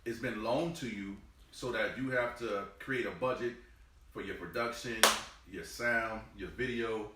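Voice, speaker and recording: A man's voice: fairly low pitch, unhurried, bright, forceful tone, heavy reverb, far from the mic. A man co-hosting a casual live-stream chat, laid-back and reading out viewer comments. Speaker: co-host.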